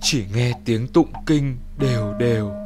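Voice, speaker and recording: A man's voice: medium pitch, measured pace, over loud music. A man narrating a first-person horror story in a tense, scripted way.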